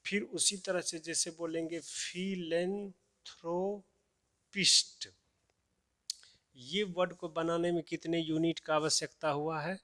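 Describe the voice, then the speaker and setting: A man's voice: on the high side, a bit bright, no room sound, studio quality. A man teaching a lesson to children, repeating key terms and asking and answering his own questions.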